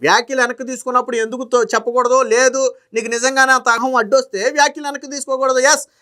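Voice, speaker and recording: Male political commentator: high, crisp voice, combative opinion monologue with constant rhetorical jabs. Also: little pitch movement, quick pace, bright, forceful tone. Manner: combative, fires rhetorical questions at someone not present.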